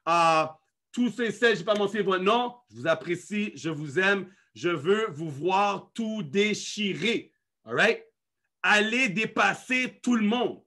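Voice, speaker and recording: High bright-voiced man urging his team. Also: animated, measured pace. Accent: faded Quebec French. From Quebec. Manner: mixes English phrases, urging and pleading; swearing, emphatic. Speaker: network marketing leader. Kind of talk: live motivational call.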